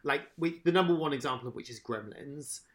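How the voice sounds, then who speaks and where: A man in casual podcast chat, rambling and animated, swearing now and then. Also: fairly high pitch, brisk.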